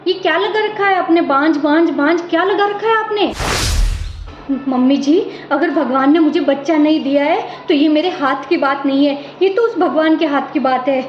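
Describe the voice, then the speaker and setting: A woman's voice: sits high, normal speed, music in the background, lightly acted. A woman playing a young daughter-in-law who protests firmly and earnestly against being taunted, in an echoey room with slightly dull sound. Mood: indignant. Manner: firm, pleading protest.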